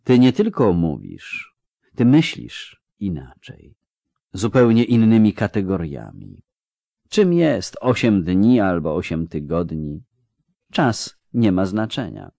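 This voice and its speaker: A man as a calm, aloof ancient elf. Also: sits low, vocal fry, no room sound, full character voice. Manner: slow, quiet, measured speech.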